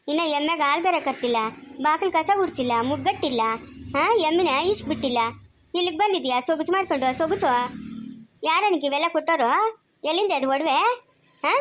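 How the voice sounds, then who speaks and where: A woman's voice: high-pitched, fairly quick, slight background noise, natural voice. A woman with a rural Chikkaballapur Kannada accent playing a bossy village mother-in-law who scolds and gives orders sharply, in a family skit. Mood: scolding.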